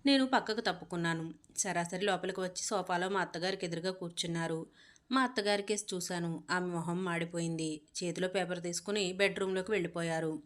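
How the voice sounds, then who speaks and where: A woman narrating a first-person audio story in a calm, even reading voice. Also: lowish voice, fairly quick.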